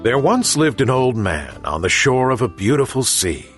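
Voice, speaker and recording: A man reading a children's fable aloud as a narrator. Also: soft background music. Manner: slow, gentle, very lively pitch. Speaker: reader. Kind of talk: storybook narration.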